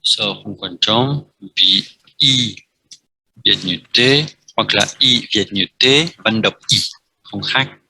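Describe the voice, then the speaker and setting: Slow gravelly guy w vietnamese accent teaching french, bright husky voice, repeats letters over and over. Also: fairly low pitch, poor audio. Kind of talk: language lesson, explaining at a board.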